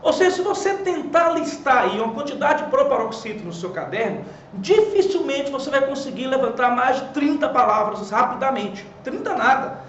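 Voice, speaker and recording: A man with a Brazilian accent teaching a lively grammar lesson at a whiteboard. He asks questions and answers them himself, and stresses key words. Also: very high voice, normal speed, reverberant, lo-fi sound, a little hiss or hum. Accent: Brazilian Portuguese. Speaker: Portuguese teacher.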